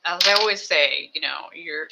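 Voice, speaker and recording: A live streamer building toy sets at a home desk, rambling casually and thinking out loud with self-mocking asides. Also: mid-range voice, normal speed, creaky, heavy background noise. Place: home desk with two computers.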